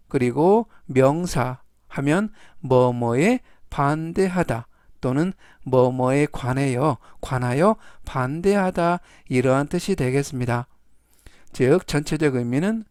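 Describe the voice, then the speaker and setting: Slow, clear-voiced male English teacher. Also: fairly high pitch, a little mellow, no room sound, clean studio sound. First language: Korean. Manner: repeats each word three times, spells out stress and meaning in formal polite endings. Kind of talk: slow, deliberate vocabulary lesson.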